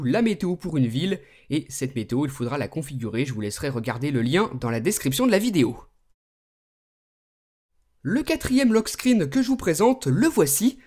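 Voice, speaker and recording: A man's voice: sits high, a little mellow. A young man from France presenting phone themes in an enthusiastic voice-over tutorial. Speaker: tech video host.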